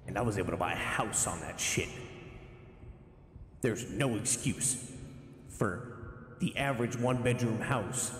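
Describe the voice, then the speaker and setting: A man's voice: lowish voice, measured pace, long pauses, fairly bright tone. A man voicing a boastful, indignant older blue-collar worker through a heavy canyon-like echo voice mod, in joking voice-chat banter. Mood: indignant rant. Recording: echoey voice-mod reverb, faint background noise.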